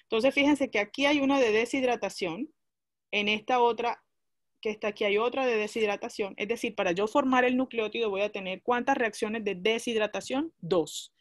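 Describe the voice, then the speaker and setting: A woman's voice: fairly high pitch, moderate pace, dry recording. A woman teaching a class, explaining a chemistry lesson step by step and asking her students questions as she goes.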